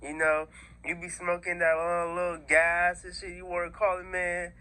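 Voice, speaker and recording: A man's voice: high-pitched, completely flat delivery, normal speed, pushed and bright, clear, resonant tone, faint music behind. An American man hosting an online video, rambling casually through his opinions in heavy slang and often checking that listeners follow him. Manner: slangy, repeatedly seeking agreement with listeners.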